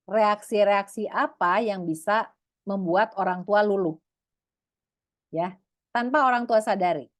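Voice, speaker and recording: A woman giving a webinar talk on parenting, lively and acting out parents and children in high voices. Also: no echo, studio quality. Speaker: psychologist speaker.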